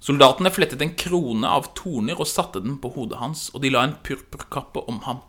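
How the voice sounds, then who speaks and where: A man narrating a dramatic scripture reading in a measured, expressive way. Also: medium pitch. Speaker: scripture reader.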